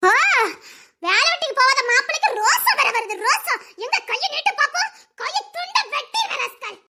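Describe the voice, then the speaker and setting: A woman playing a loud, sharp-tongued young wife, shouting and taunting her husband. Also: extremely high pitch, big pitch swings, brisk, exaggerated voice. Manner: shouting, taunting, mocking laughs.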